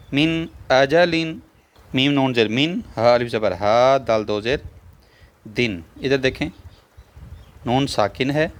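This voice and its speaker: Here a mid-range male voice with a Pakistani Urdu accent teaches Quran reading one step at a time. Letters and vowel marks get spelled out, joined words are stretched slowly, every rule is repeated, and questions are put to the viewer.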